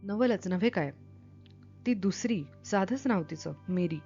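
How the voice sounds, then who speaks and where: A woman reading a novel aloud with expressive, dramatic delivery, then explaining it as a literature teacher. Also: mid-range voice, unhurried, highs cut off, faint music behind.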